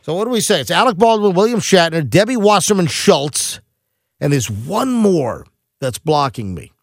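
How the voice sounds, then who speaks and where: A middle-aged man hosting a talk radio show, ranting in a quick, animated monologue full of asides and restarts. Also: sits high, dry recording, clean studio sound.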